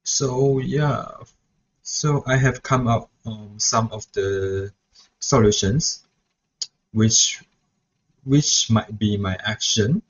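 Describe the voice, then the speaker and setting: This young man, whose first language growing up was Mandarin, records a hesitant reflection vlog about student teaching, repeatedly restarting with "so yeah." His lowish voice draws out words with long pauses. The audio is dull and lo-fi with a little hiss or hum.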